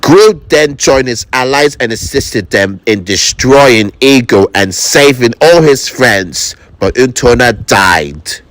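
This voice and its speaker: A man narrating a fan video casually, reading haltingly and stumbling over words. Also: mid-range voice, lively intonation, fairly bright tone, dry recording.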